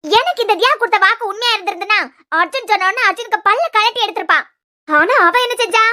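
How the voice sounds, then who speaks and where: A woman's voice: very high-pitched, fast, pushed and bright. A woman voicing a scheming, spiteful young woman who sneers as she gossips, in a Kanyakumari Tamil accent, in a cartoon serial. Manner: sneering, indignant.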